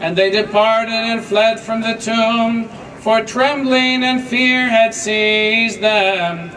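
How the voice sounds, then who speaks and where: A priest chants the Gospel in a high, steady voice that barely moves in pitch. He takes his time over every phrase. The sound reaches a camera far back in a large candlelit church, with a faint hum of the congregation behind. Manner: slow, even, intoning.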